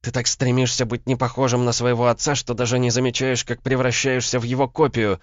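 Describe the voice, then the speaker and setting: A man's voice: flat delivery, a little fast, dry recording, highs cut off, close to an everyday voice. A man voicing a fiery, proud young woman who answers sharply and scornfully. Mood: furious. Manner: sharp, scornful, shrill when shouting.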